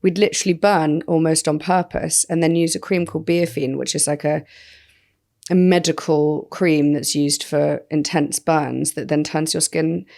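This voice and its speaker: A woman in casual podcast chat, with a voice sitting a little low. She tells stories with animated energy and laughs often. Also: moderate pace, vocal fry. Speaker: podcast co-host.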